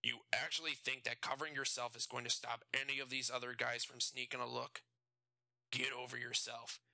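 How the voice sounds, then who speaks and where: A man's voice: mid-range voice, level tone, fairly quick, vocal fry, bright, forceful tone, no room sound, studio quality. A man voicing a blunt, mocking male prison guard in an audiobook reading. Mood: scornful. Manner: scornful, blunt.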